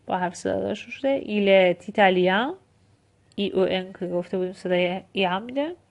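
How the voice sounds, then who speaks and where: A woman whose first language is Persian teaches French grammar in an online lesson, explaining step by step and reading French examples slowly and deliberately. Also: mid-range voice, gravelly, a little mellow, lo-fi sound.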